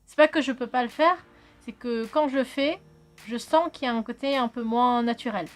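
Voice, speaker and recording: Brief: bright high-pitched woman from France, casual vlog teacher, chatty, jokey, swears a bit. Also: moderate pace. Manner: chatty, swears, jokes with friend. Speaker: video host teaching Khmer.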